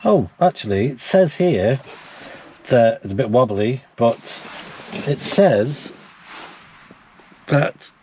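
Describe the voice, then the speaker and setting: This man's medium-pitched voice has a darkish tone, swinging widely in pitch as he talks slowly with long pauses. The recording is rough, with slight background noise. He's a casual, chatty British amateur radio operator and vlogger from the United Kingdom, out on a portable radio trip, doing vlog talk and radio exchanges while spelling things in the phonetic alphabet.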